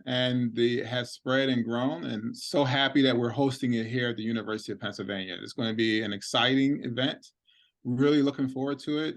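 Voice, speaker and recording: Man, academic, gravelly voice, upbeat, enthusiastic. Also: mid-range voice. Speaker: university academic. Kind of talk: panel introduction.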